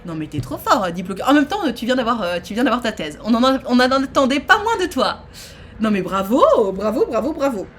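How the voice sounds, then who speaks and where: Woman streamer reading quiz questions, high pitched, animated, bit of background hiss. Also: a little fast. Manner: animated, exclaims and reads questions aloud to chat. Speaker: Twitch streamer hosting a trivia quiz. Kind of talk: casual live-stream chat.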